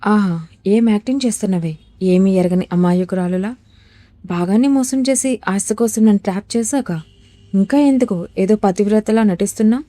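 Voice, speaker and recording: A woman voicing a furious, jealous young husband who shouts and sneers cruel insults in a storybook drama. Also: medium pitch, no room sound, close to an everyday voice. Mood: contemptuous.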